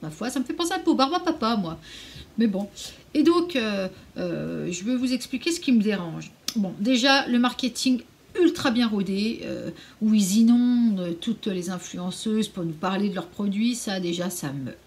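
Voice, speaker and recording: Speaking at normal speed with a mid-range voice and lively intonation, a woman films a casual anti-haul beauty vlog at home. She's blunt and opinionated with a touch of sarcasm, and now and then coos to her cat.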